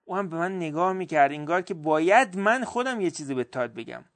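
A man reads a first-person story aloud as an audiobook. His voice sits slightly high for a man, and his delivery is measured and expressive. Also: no echo. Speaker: narrator.

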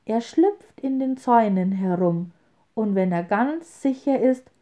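Slow, mellow woman reading a fairy tale. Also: on the high side, lo-fi sound. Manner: expressive, lively storytelling. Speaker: storyteller.

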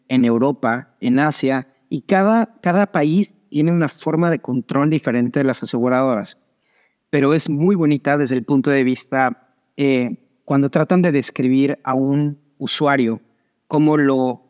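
Appearing as a podcast guest, a middle-aged founder with a Mexican Spanish accent chats through his answers and mixes in English business jargon. He speaks in a mid-range, darkish voice.

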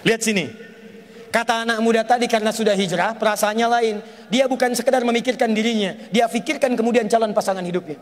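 A high-voiced male preacher tells a story in his sermon, animated and quick to turn questions on his listeners. His voice carries a long hall reverb. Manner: animated, addresses audience with questions.

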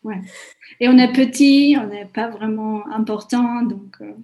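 A woman's voice: a little high, measured pace, dark tone. A Hungarian woman speaking French as a second language with a Hungarian accent, talking hesitantly as an interview guest with fillers and small slips.

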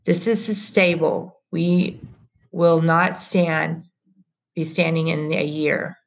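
A woman's voice: low voice, fairly even intonation, slow, vocal fry, full character voice. A woman voicing a menacing, scornful middle-aged businessman who taunts and bullies. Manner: sneering, taunting.

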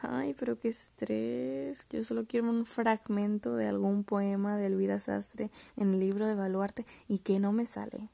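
Young woman, solo podcast host, casual rambling talk with muttered asides, mellow fry-heavy voice, dry close recording. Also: medium pitch, flat delivery, moderate pace, hardly any pauses, no echo. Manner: rambling, self-interrupting, often drops to mutters and whispers. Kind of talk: casual solo chat about poetry.

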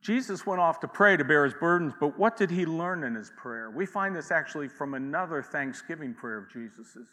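A man preaches in a bright, forceful voice with a fairly high pitch. His delivery is conversational, full of asides and acted-out quotes. A long reverb trails each phrase, as in a large church hall. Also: animated, fairly quick, few pauses. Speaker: pastor. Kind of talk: sermon.

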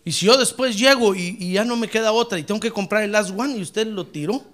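A male preacher delivering a fervent sermon, bursting into shouted praise and mixing in humorous asides. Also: high voice, a little fast.

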